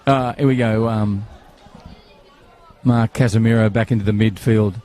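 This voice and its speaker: A man's voice: fairly low pitch, fairly even intonation, measured pace, dark tone, a faint crowd. A man, commentating live on a football match outdoors, chatty and rambling, with banter and fillers.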